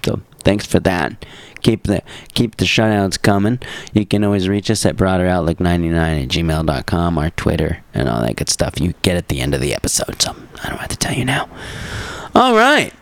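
A man's voice: low voice, big pitch swings, moderate pace, gravelly, dry recording. A man hosting a podcast in casual chat, joking and rambling, correcting himself, with a cough. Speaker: podcast host.

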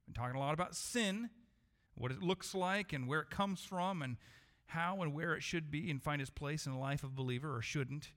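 A man's voice: fairly high pitch, a bit bright. Earnest preaching man in echoing hall. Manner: earnest, measured preaching with frequent restarts and repetitions. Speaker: pastor. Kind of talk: sermon. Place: church sanctuary.

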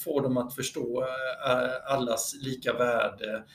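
Male youth coach, halting, filler-heavy delivery, roomy echo on the voice. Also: medium pitch, fairly even intonation, fairly bright tone, a little hiss or hum. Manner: hesitant, many fillers and restarts. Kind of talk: conversational podcast talk.

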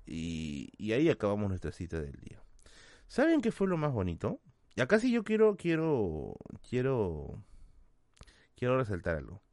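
A man with a Lima Peruvian accent, a podcast host telling a self-mocking anecdote in a casual, animated way. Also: fairly low pitch, normal speed, no echo, clean studio sound. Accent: Peruvian Spanish, Lima.

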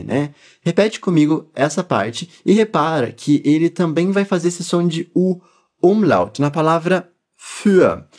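A man with a Brazilian Portuguese accent leading a pronunciation lesson, encouraging learners and modelling words slowly for them to repeat. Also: fairly high pitch, a little mellow. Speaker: language teacher.

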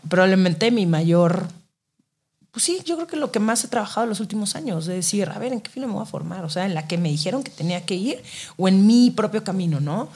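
Husky-voiced Mexican woman in her thirties. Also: medium pitch, expressive, fairly quick, darkish tone. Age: 30s. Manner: candid, slangy, reflective. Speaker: podcast host. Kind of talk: casual conversation.

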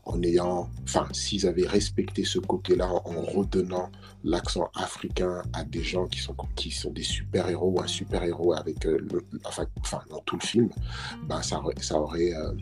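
A man interviewing a guest in a relaxed conversation, hesitant and full of fillers. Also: deep voice, normal speed, soft background music.

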